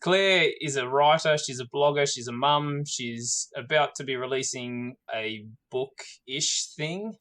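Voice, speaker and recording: A man chatting casually as a podcast host and interviewer, at a middle pitch. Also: unhurried, hardly any pauses, fairly bright tone. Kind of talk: casual bantering chat.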